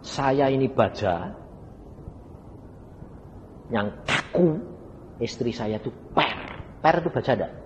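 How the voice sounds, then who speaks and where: Preacher guy, swings his pitch all over, long echo, faint noise behind. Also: slow, pauses often, highs cut off. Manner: animated storytelling, asks the congregation questions. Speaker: evangelist preacher. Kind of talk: sermon. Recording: reverberant hall with faint background noise.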